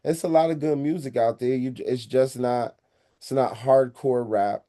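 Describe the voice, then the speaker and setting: A middle-aged man co-hosting a casual podcast chat, laid-back and joking, with drawn-out slang riffs. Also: medium pitch, steady tone, warm tone. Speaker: podcast co-host.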